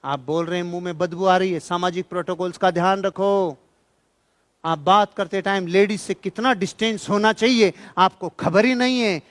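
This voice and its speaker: This motivational speaker's voice sits high, with a steady tone, moderate pace, and a bit of brightness, recorded with no echo. Preaching to an audience, he speaks emphatically and admonishingly, repeating phrases to drive his points home.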